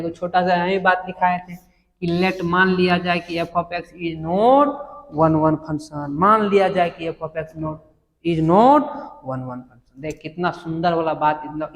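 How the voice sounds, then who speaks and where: A high-pitched man gives a blackboard math lecture. He teases his students and repeats key phrases slowly to drive them home. His voice rings with the long reverb of an indoor classroom. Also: fairly bright tone. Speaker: math teacher.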